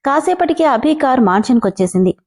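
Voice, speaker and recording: A woman narrating a story as a storyteller, calm and even. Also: high-pitched, fast talker. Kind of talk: reading a story aloud.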